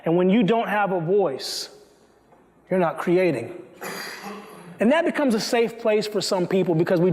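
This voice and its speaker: A man giving a motivational talk at a conference, building to a rising preaching cadence with repeated phrases. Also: high-pitched. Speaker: conference speaker. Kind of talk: motivational sermon. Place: conference hall. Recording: long hall reverb.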